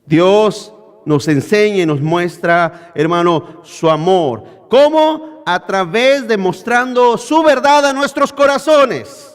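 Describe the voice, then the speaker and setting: A man's voice: high-pitched, expressive, slow pace, clear, resonant tone. A man preaching a sermon, quizzing his congregation with rhetorical questions. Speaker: pastor. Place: church hall. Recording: echoey church hall.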